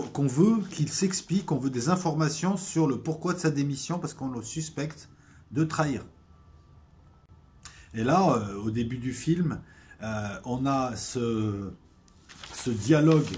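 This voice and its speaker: A man talking to his viewers in a casual spoken monologue, hesitant, with many fillers and restarts, and getting louder on the points he stresses. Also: fairly high pitch, a little hiss or hum. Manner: emphatic, swelling loudness on key points. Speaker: video essayist.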